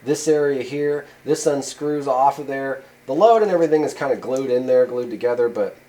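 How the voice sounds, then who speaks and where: A channel host shows off radio antennas at a workshop bench in a casual, rambling how-to, sprinkling in lots of "uh" and "you know." His medium-pitched voice is warm and moves at a normal speed.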